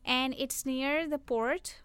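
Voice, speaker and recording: A woman's voice: high voice, slow, a bit bright, clean tone, no echo. A woman co-hosting a language lesson in a casual, chatty, conversational way. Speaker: Urdu lesson podcast host.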